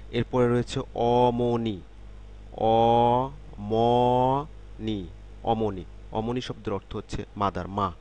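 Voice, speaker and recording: A man teaching a beginner vocabulary lesson, saying each word slowly several times and then explaining its meaning. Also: fairly low pitch. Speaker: language teacher. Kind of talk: slow, repetitive vocabulary lesson.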